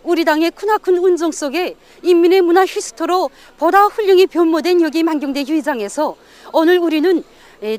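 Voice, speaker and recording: A woman's voice: very high voice, darkish tone. A woman with a North Korean accent reporting and interviewing formally as a field reporter.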